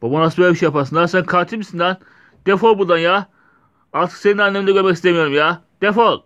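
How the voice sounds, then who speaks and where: A man voicing a young son shouting at his father in fury. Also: high voice, fast, lo-fi sound, voice pushed up. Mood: outraged. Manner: yelling, loud.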